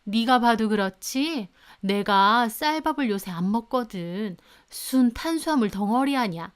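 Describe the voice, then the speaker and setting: A woman voicing a sharp-tongued older mother-in-law who snaps and scolds, in a storybook narration. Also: on the high side, animated, unhurried. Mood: boastful. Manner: snapping, scolding, shouting.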